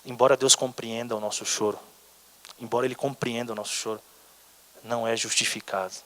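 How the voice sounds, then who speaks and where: A male pastor from Brazil preaching a sermon dramatically, moving between loud exclamations and hushed questions. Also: mid-range voice, level tone, a little fast. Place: church sanctuary. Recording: church hall with long reverb.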